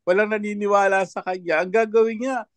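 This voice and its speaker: Brief: high-pitched male panelist, dry close sound, scornful and chuckling. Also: fairly even intonation, brisk, clean tone, no echo. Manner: mocking, laughs often between jabs. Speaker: panelist commenting on a debate. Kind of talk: online discussion commentary.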